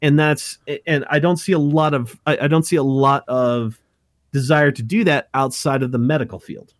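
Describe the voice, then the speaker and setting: Here a Montana man in his thirties, co-hosting a casual podcast, talks with a medium pitch and steady tone. The recording is dry and cleanly studio-made, and he keeps restarting and correcting himself in a halting way.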